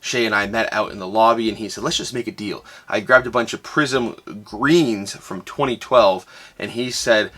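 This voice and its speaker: A sports card collector who runs his own channel talks through a recap, upbeat and chatty and peppered with "uh." His fairly low voice is slightly bright and moves at a moderate pace, though it sounds weary and fading.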